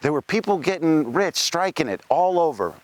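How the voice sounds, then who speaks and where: Very animated and pitched on the high side, a man on a cemetery tour performs in costume as the ghost of a pioneer gold miner from Wales. At a moderate pace he tells his life story outdoors in a folksy, aside-filled first-person reenactment, though the audio is poor.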